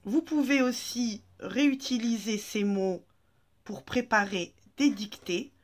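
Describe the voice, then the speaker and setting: A slightly high-pitched woman speaks slowly, guiding French-speaking students through reading Arabic. Her manner is gentle and supportive, and she lengthens the syllables so they can say them back.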